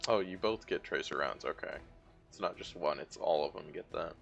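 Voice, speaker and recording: A man's voice: rumbling low, normal speed, gravelly, fairly bright tone, highs cut off, faint music behind. A man giving casual gameplay commentary, muttering and thinking aloud as he plays. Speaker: video game streamer.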